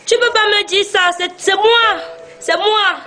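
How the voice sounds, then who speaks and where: Girl acting as a dumped young woman, sobbing and half singing, super high and slow. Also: heavily acted. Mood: distraught wailing. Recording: echoey room with loud music behind.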